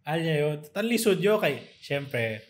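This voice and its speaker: Animated man telling stories. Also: fairly high pitch, measured pace. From Zamboanga, Philippines. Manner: animated storytelling with playful mimicry. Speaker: podcast co-host. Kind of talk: casual chat.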